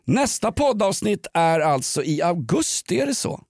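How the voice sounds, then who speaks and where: A man's voice: high voice, very animated, darkish tone, slightly rough, dry recording, studio quality. A man co-hosting a podcast in casual chat, ranting sardonically and joking. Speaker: podcast co-host.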